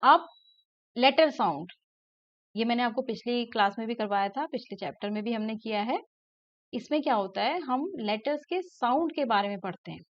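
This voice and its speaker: A woman's voice: fairly high pitch, normal speed, no room sound. A woman teacher patiently explaining a first-grade English lesson, repeating letter sounds and words, mixing Hindi explanation with English words. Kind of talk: explaining a textbook lesson to young pupils. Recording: slightly dull lo-fi recording.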